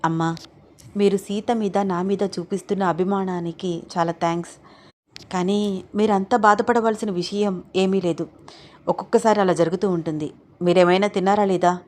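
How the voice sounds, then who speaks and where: A woman voicing a calm young husband who patiently explains in a read-aloud audio story. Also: mid-range voice, moderate pace, close to an everyday voice.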